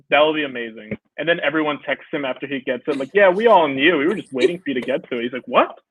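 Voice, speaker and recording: This young guest from Brooklyn, New York, talks quickly in a slightly high, slightly rough voice during a casual video-call interview, laughing a lot through animated stories. The dry, tinny phone-like sound has no echo.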